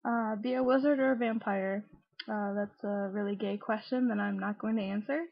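A young adult woman with a Midwestern American accent and a husky, fried voice, casually doing an accent challenge in an offhand way. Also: medium pitch, steady tone, moderate pace, dry recording. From Cleveland, Ohio, United States. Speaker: vlogger. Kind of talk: casual accent challenge, reading word lists and answering questions. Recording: dull lo-fi home recording, dry.

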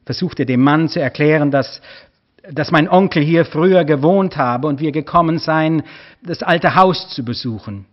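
During a lecture, a male author with a fairly high-pitched voice reads his own prose aloud, measured and expressive. The recording is dull and lo-fi.

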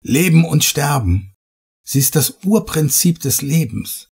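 A man's voice: on the low side, fairly even intonation, moderate pace, dark tone, slightly rough. A man voicing an obsessive male archaeologist in a horror audiobook, speaking fervently and worshipfully. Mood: rapturous.

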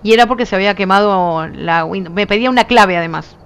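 Speaking fast in a mid-range, creaky yet resonant voice, this Uruguayan streamer talks casually to her audience on a clear recording. She has almost lost her voice, but she stays emphatic and insistent, gesturing through her speech and saying "¿viste?" again and again.

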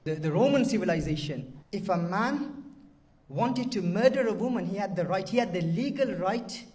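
A man's voice: high voice, expressive, normal speed, a little mellow, recorded from a distance. Man preaching from off the mic. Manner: emotive, repeats and restarts phrases. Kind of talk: sermon storytelling.

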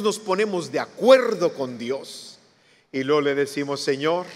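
A man's voice: high voice, long reverb tail. A man preaching a sermon as pastor, telling the story dramatically and acting out the voices he quotes. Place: church hall.

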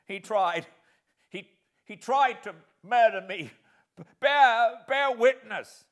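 Man doing a beaten convict, frightened, breathless, pleading, high strained voice. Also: animated, slow, fairly bright tone, heavily acted. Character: battered, frightened male convict, gasping and pleading.

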